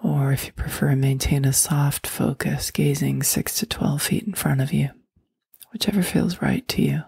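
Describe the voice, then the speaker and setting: A woman leading a guided meditation in a soft, soothing voice that often drops into a whisper. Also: low-pitched, steady tone, normal speed, creaky, husky, no room sound, clean studio sound.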